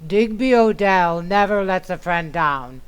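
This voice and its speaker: A woman as Digby O'Dell, slow, genteel undertaker. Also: fairly low pitch, expressive, smooth. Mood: courtly, ghoulishly cheerful. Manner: formal, drawn-out, florid. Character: genteel, morbidly cheerful male undertaker friend. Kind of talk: old-time radio comedy acting.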